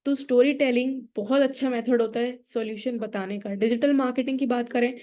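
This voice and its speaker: Mellow-voiced woman leading a speaking workshop. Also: on the high side, fairly even intonation, brisk. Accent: neutral Indian. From India. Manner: explanatory, mixes English into Hindi, asks the audience questions. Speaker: public speaking trainer. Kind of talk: workshop lecture.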